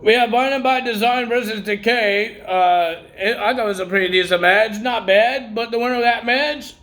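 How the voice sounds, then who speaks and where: A man's voice: high voice, fairly even intonation, normal speed, fairly bright tone. A man recapping wrestling results in a casual vlog, rambling and correcting himself while he has the hiccups.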